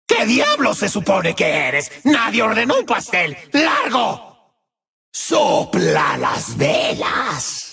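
For a video game, an actor gives a heavily acted performance as a demonic party clown who delights in murder, his voice gravelly, raspy, and cackling with a Latin American Spanish accent. He slowly taunts in a singsong, bursts into manic shouts, and sinks into sudden low growls across huge pitch swings. Faint music plays underneath, and the mood is gleeful menace.

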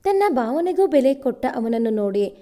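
Warm-voiced woman narrating a story. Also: high voice. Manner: even, measured storytelling.

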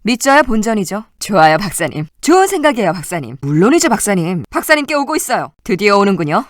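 A woman's voice: medium pitch, very animated, fast, no room sound, studio quality, lightly acted. A woman voicing a weary but loyal woman resistance citizen, delivering short, clipped game voice-line barks. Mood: eager. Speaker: voice actor.

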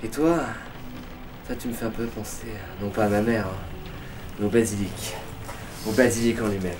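A man's voice: fairly low pitch, fairly even intonation, normal speed, background noise, lightly acted. A young man playing a cruel, theatrical male torturer in a student short film, mocking in a sing-song way and then turning cold. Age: young adult. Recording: distant camera mic, music behind.

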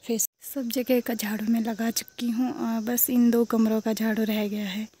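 A woman's voice: a little high, little pitch movement, normal speed, warm tone. Chatty young woman vlogging at home. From Uttarakhand, India. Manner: chatty, addresses viewers, sometimes whispers. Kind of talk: casual vlog narration.

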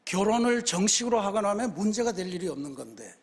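A young woman bargains and pleads for more time , as a male preacher puts her on. The voice is high, and the long reverb of a church hall surrounds it. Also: very animated, quick pace, slightly rough, full character voice. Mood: pleading.

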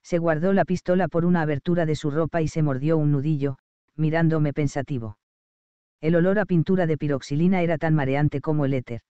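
A man reading a first-person detective story aloud, in a steady, deadpan narration. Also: on the high side, fairly quick, clean tone, no room sound, phone-quality sound. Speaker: reader.

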